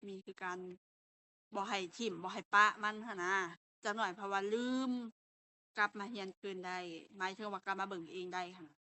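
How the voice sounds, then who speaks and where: A woman's voice: mid-range voice, steady tone, brisk, sharp tone. A young woman with a Lao accent, teaching an online language lesson and explaining step by step with patient fillers.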